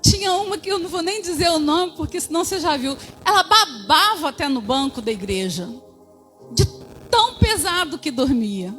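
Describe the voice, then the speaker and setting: A woman's voice: high voice, sing-song, moderate pace, a bit bright, soft background music. A woman in her fifties giving a church testimony, telling her story and addressing the congregation as brothers.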